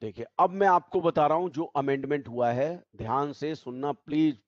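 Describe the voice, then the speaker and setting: A man's voice: on the high side, normal speed, dry recording, muffled recording. A male teacher giving an online tax class, explaining step by step and repeating the key points. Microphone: video call.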